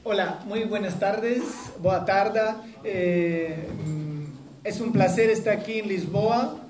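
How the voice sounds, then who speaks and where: A man's voice: sits high, slow, a little mellow. A man, an activist panelist, giving a friendly, hesitant greeting at a conference. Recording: echoey hall, distant mic.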